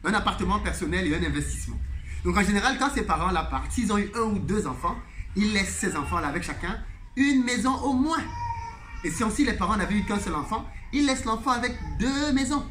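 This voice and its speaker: A man's voice: sits high, lively intonation, fast talker, a bit bright, a little hiss or hum. A man host telling a story in a monologue, animatedly retelling a conversation with emphatic repetition.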